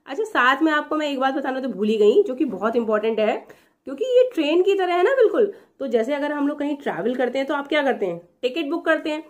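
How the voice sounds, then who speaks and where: A woman's voice: high voice, expressive, fast talker. A woman in her thirties from India, chatting sarcastically to a phone camera in a small room, slipping English phrases into her talk. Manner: gestures with her hands as she talks. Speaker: vlogger. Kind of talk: casual review vlog.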